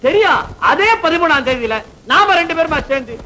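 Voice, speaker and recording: An actor playing an exasperated young husband who snaps back and mocks in an old Tamil film comedy. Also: male voice, very high-pitched, expressive, brisk, pushed and bright, slight background noise, heavily acted, poor audio. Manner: mocking, retorting.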